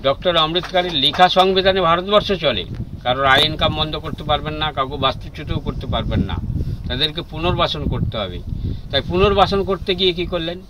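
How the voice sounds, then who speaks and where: A man's voice: on the high side, fast. A man, giving guided tour commentary on a boat deck and laying out his points one by one. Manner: explanatory, counts points off as a lecture. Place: open deck of a boat at sea. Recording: wind and boat noise outdoors.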